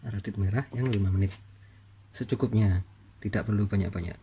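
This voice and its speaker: Talking quickly and warmly, this repair tutorial host walks viewers through an informal job in short, step-by-step phrases as he works. He's a man with a lowish voice, and there's a slight hiss or hum.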